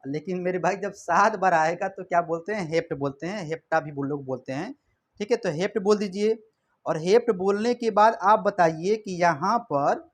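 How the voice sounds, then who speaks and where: A man teaches a chemistry lesson in a loose, conversational way. He repeats each step and keeps checking in, addressing students as brother or child. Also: sits high. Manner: repetitive, coaxing, checks in often. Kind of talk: casual classroom explanation.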